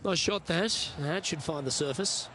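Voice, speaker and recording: Male golf play-by-play commentator, lighter pitch, concise approving calls, noisy crowd backdrop. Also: fairly bright tone. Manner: short, measured, approving shot calls. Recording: outdoor crowd and ambience noise behind.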